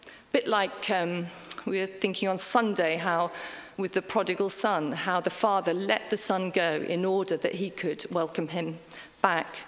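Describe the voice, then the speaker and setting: A woman's voice: on the low side, fairly even intonation, measured pace. A middle-aged woman giving a conversational sermon, chatty and self-deprecating with frequent ums and asides. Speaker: preacher. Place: church hall. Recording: long hall reverb.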